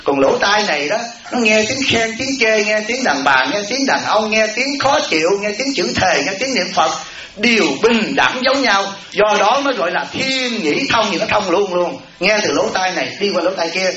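A Buddhist monk, the abbot of a temple, giving a dharma talk in a folksy way, acting out everyday voices and often asking "right?". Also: male voice, sits high, lively intonation, moderate pace, pushed and bright. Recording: echoey lo-fi hall recording with audience.

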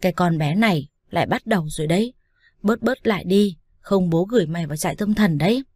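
A woman's voice: on the low side, fast, darkish tone, breathy edge, no echo. A woman reading the lines of a middle-aged father-in-law, short with words but caring, with dry jokes. Recorded close and dry, without room sound. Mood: dry joking. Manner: curt, dryly joking.

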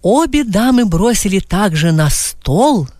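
A woman narrating a novel aloud with expressive storytelling. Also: mid-range voice, a little slow, no echo, clean studio sound. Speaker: audiobook reader. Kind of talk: audiobook narration.

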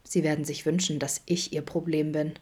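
A woman reading a male detective in an audiobook-style podfic, smooth and quiet, dropping into hushed threats. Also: low voice, little pitch movement, normal speed. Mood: softly threatening. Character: calm charming male detective, softly menacing.

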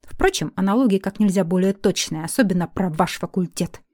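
A sarcastic young woman potion-maker, read by the story's narrator answers with dry irony and blunt orders. The voice is dark and mellow. The recording is close and dry. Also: mid-range voice, a little fast, no room sound, natural voice. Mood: ironic. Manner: ironic, dry, commanding.

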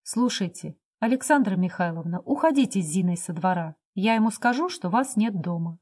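A woman reading the part of a decisive neighbour who speaks in a sharp, commanding way. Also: medium pitch, animated, a little fast, close to an everyday voice. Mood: firm.

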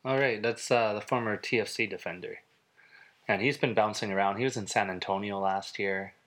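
A man's voice: fairly low pitch, steady tone, brisk, a bit bright. Chatty man hosting a sports podcast. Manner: chatty, laughs often. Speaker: podcast host. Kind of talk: casual sports chat.

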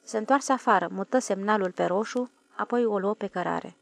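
Gravelly woman narrating an audiobook. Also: mid-range voice. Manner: steady, measured storytelling.

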